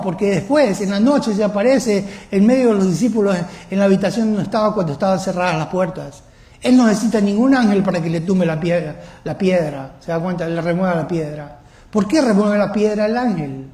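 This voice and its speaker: Male pastor, high voice, sermon in an echoey church hall. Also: brisk, warm tone. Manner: questions the congregation often.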